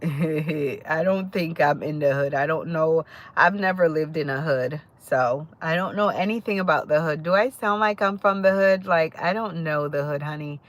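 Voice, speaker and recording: An adult Jamaican woman with a Jamaican accent hosts a live stream, chatting casually with viewers, greeting them by name, and laughing often. Her voice is low-pitched, at a moderate pace with few pauses.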